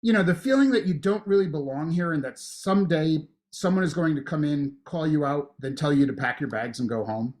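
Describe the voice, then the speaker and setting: A man reading the lines of an unsure, soft-spoken young male graduate student. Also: a little high, expressive, brisk, few pauses, lightly acted.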